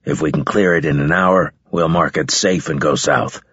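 A man voicing a stern male military officer who gives clipped, curt orders, with a husky voice. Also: rumbling low, fairly even intonation, moderate pace, fairly bright tone, no room sound, dull audio, voice pushed down, exaggerated voice.

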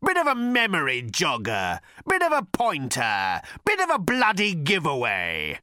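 A furious male creature out for revenge, swinging from a low, slow, rasping rumble to high bellowing shrieks. His voice swoops wildly and stays bright and sharp. It is recorded dry and close, with no room around it. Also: huge pitch swings, no room sound, heavily acted. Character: vengeful reincarnated creature, male, raging. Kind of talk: audiobook character voice.

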